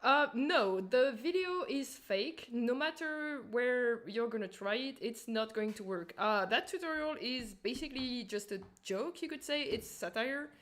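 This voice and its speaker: A woman's voice: on the high side, lively intonation, a little slow, few pauses, fairly bright tone. A woman with a Turkish accent chatting informally to her viewers on a livestream as a streamer and animator. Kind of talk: casual livestream chat and explanation.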